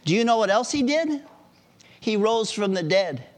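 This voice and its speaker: Guy putting on a higher voice for an eager middle-aged convert, earnest and insistent. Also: animated, moderate pace, a bit bright. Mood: eager conviction. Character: remorseful middle-aged man, newly convinced, eager.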